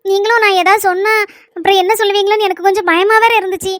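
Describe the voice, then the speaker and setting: A woman plays a shy young wife who speaks in quick, hesitant bursts. The voice is very high and bright and is recorded close and dry. She sounds soft and grateful, as in a homemade family skit. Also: steady tone, dry recording.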